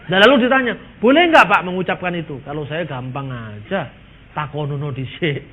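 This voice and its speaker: High-voiced Indonesian man speaking, tinny. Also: a little fast, a little hiss or hum. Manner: lively, quotes others in shifting voices, chuckles. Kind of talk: lecture-style talk to an audience. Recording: tinny phone-like sound.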